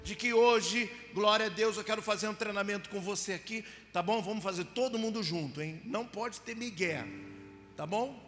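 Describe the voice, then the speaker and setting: In a church hall, a middle-aged pastor from Brazil delivers a storytelling sermon in his high-pitched, Brazilian Portuguese-accented voice at a moderate pace. He plays out scenes using voices and fake crying and builds up to shouting. Soft background music and hall reverb come through the live recording.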